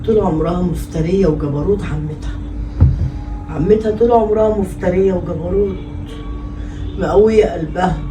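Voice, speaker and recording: A woman's voice: on the low side, roomy sound, recorded from a distance, lightly acted, poor audio. An actress playing a mother longing to take her daughter back, speaking tenderly with an Egyptian accent. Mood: bitter. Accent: Egyptian Arabic. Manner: tender and pleading, turning tearful and bitter.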